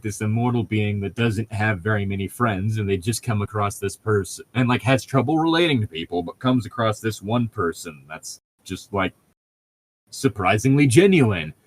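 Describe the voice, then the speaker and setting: A man with a lowish voice, heard through poor audio, co-hosts a podcast and comments on a book. His talk is casual and comedic, full of jokes and tangents as he keeps correcting himself.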